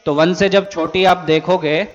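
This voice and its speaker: Physics teacher in an echoing room. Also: male voice, fairly high pitch, fairly even intonation, moderate pace. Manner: explains step by step, asks and answers his own questions, says "theek hai" often. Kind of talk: classroom lecture. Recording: dull lo-fi sound with long reverb.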